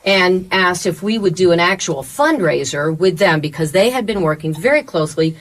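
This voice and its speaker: A woman's voice: on the low side, animated, normal speed, rough recording. A woman giving casual, enthusiastic interview answers as a member of a band.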